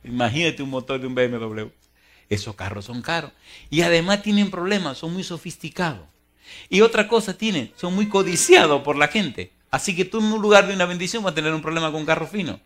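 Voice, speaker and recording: A middle-aged man preaches a sermon in a bright, ringing voice that sits a little high for a man. He tells humorous stories in low, quiet asides, then rises into loud exhortation. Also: lively intonation, a little fast. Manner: humorous storytelling. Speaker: pastor.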